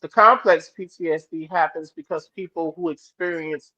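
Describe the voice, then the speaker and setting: A man with a fairly high voice talks in an animated way in a casual discussion. He repeats words as he gets going. The audio is dull and lo-fi. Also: moderate pace. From New Orleans.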